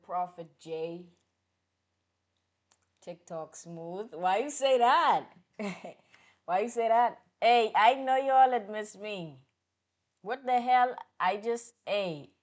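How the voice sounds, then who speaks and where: A Bahamian woman chats casually with her livestream viewers at a measured pace. She's outspoken and animated, lurching between loud outbursts and quiet mutters.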